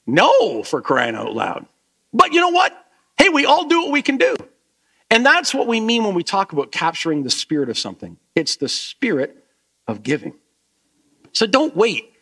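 A man preaching to his church, his voice swinging widely in pitch as he urges giving. His tone is bright and forceful, and he later settles into a quieter prayer. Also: slightly rough. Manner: lively preaching that drops to a soft prayer. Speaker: pastor. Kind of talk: sermon and closing prayer. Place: church sanctuary.

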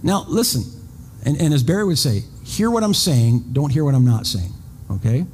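A man's voice: on the high side, lively intonation, moderate pace, darkish tone. Man in his fifties preaching in a reverberant hall. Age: 50s. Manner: conversational, repeats words, self-deprecating asides. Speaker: pastor. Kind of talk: sermon. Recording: long reverb, faint background noise.

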